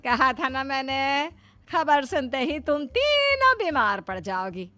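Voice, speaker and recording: A woman voicing a sharp-tongued older mother-in-law in a cartoon story, scolding and exasperated. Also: high-pitched, big pitch swings, slow, no echo, faint music behind, full character voice.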